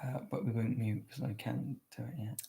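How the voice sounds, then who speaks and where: A man's voice: medium pitch, steady tone, fairly quick, vocal fry, noisy background. Earnest man coaching couples. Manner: earnest, conversational, many restarts. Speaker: co-host. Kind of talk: casual teaching chat.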